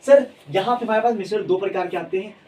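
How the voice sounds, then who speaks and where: High-voiced, animated Hindi chemistry teacher. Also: male voice, fast, distant mic, low-quality recording. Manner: animated, repeats key terms, coaxing students. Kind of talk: energetic classroom lecture.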